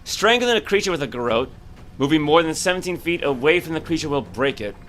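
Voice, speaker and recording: This gameplay commentator has a fairly high, bright voice with lively intonation and a slightly fast pace. He plays casually, thinking out loud and responding to every turn.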